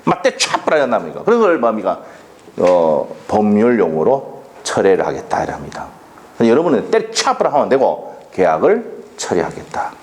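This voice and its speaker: A man's voice: on the low side, huge pitch swings, a little fast, darkish tone. A man lecturing on law for an exam, quizzing students with rhetorical questions and blunt dialect jokes.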